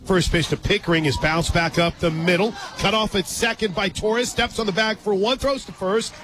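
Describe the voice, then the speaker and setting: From an outdoor ballpark radio booth, a male announcer calls live play-by-play of a softball game, blending action calls with casual, conversational chat. His voice sits high and moves at a moderate pace. Loud stadium crowd noise and music run behind the broadcast.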